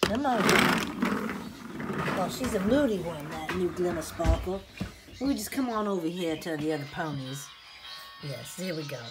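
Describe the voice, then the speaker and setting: A woman's voice: lowish voice, animated, moderate pace, over loud music. A woman playfully narrating pony toy play with a child at home, teasing and sing-song.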